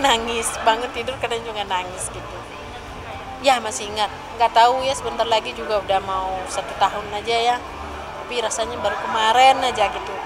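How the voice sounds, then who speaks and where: An older woman, a grandmother, speaking softly and tearfully in an emotional interview with reporters. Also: fairly high pitch. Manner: soft, tearful, heartfelt.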